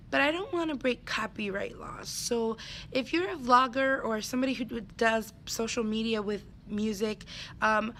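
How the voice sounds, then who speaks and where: A woman teacher telling a classroom story in an animated vlog, acting out the children's voices. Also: on the high side, a little hiss or hum. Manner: animated, acts out kids' voices.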